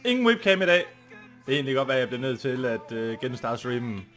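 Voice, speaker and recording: A man streaming a football video game with a Danish accent, commenting live and getting excited, shouting and swearing often. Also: medium pitch, over music. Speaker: gaming streamer.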